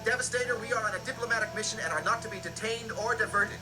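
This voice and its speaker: An actor playing a dutiful, worried starship captain in a radio drama, formal and forceful. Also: male voice, high voice, fast talker, lightly acted. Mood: urgent, commanding. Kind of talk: 1980s radio drama acting. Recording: music and battle effects behind.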